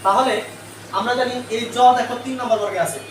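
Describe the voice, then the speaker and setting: A very high-pitched man teaches grammar live online at a quick pace, firing repeated questions at students before supplying the answers himself. The distant mic picks up room echo and faint background noise.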